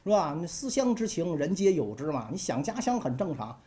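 A man playing a scheming, ambitious general who talks in a smooth, ingratiating way. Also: fairly high pitch, sing-song, brisk, mellow. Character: scheming ambitious male general, falsely friendly.

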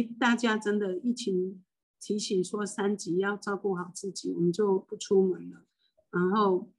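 A woman's voice: mid-range voice, a little mellow, husky, poor audio. An older woman from Taiwan, a spiritual medium and hypnotist, speaks with a Taiwanese Mandarin accent. She gives a rambling, emotional personal monologue full of restarts.

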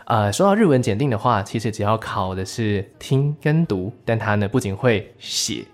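A man's voice: fairly low pitch, lively intonation, normal speed. A man with a Taiwanese Mandarin accent hosting a music show, interviewing in a casual, wordy way and often echoing the guest. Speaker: radio music show host.

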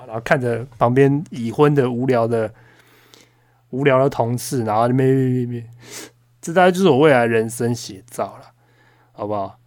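A man's voice: mid-range voice, darkish tone. A young man hosting a podcast, telling a story in a casual, heated rant full of swearing. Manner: swears constantly, heated and indignant; frequent fillers and restarts, storytelling. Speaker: podcast host. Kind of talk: casual ranting monologue.

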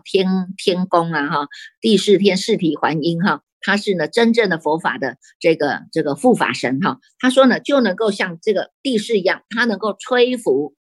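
A woman, a Buddhist nun with a Taiwanese Mandarin accent, giving a sutra sermon in an animated storytelling way, full of rhetorical questions and tag particles. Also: lowish voice, breathy edge, no echo.

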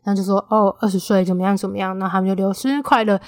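A woman's voice: medium pitch, very fast, no room sound, clean studio sound. A woman of twenty with a Taiwanese Mandarin accent, chatting casually as the host of her solo podcast. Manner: chatty, animated when quoting friends.

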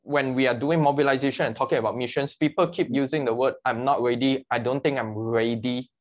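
A man's voice: medium pitch, fairly even intonation, brisk. A man speaking as a guest about his work as a mission mobilizer, earnest and explaining with analogies. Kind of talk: conversational interview.

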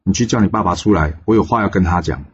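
A man voicing a calm, shrewd male general who reasons in a measured way. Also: deep voice, lo-fi sound, a little hiss or hum, natural voice.

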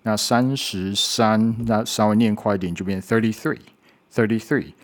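A man with a somewhat low voice gives a spoken pronunciation lesson. He talks patiently and demonstrates each sound slowly, repeating it several times. He often checks in with a quick "OK". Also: fairly even intonation. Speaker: English pronunciation teacher.

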